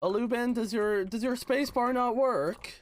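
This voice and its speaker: With a very high voice and an unhurried pace, this streamer reads out his chat and teases viewers in playful gamer slang. He says his voice is worn out, and it sounds a bit hoarse; the recording is dry.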